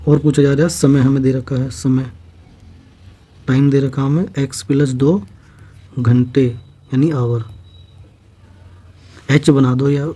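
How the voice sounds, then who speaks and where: The speaker is a male math teacher whose mid-range voice is mellow and husky, level in tone and at normal speed, with a Hindi-speaking North Indian accent. In an exam-prep lesson he goes through problems step by step, patiently checking in with students.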